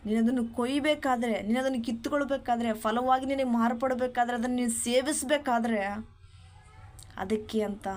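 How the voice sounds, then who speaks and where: A woman preaching a sermon, talking straight to the listener and often dropping a soft hallelujah. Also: fairly high pitch. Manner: exhorting, often saying hallelujah softly; speaks straight to the listener as you.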